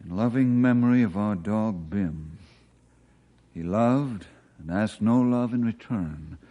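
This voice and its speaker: An actor in a 1950s radio drama playing a kind, steady forest ranger, reading an inscription solemnly. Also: male voice, lowish voice, slow pace, lo-fi sound.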